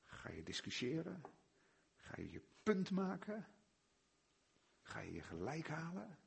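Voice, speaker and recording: Male Dutch pastor from the Netherlands, slow deliberate sermon delivery, lively pitch, quiet-to-loud emphasis. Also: vocal fry, husky. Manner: rhetorical questions, swings from hushed to loud emphatic. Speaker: preacher.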